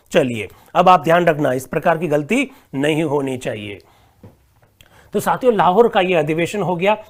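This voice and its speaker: A male coach with a fairly high voice teaches a live online exam-prep class. He is animated and talks straight to his students. He reads their comments aloud and answers each one, then drills key points by repeating them slowly.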